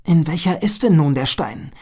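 An eager young female animal, bold and excitable, as a male storyteller puts her on. The voice sits higher than his own and swings widely, with a husky edge. It sounds like a storybook read aloud. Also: normal speed. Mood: puzzled. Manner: raised pitch, eager questions. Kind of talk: storybook reading.

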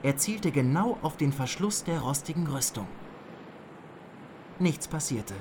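A man narrating a children's story from a script in a slow storytelling way. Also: a little high, expressive, background noise. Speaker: audiobook narrator.

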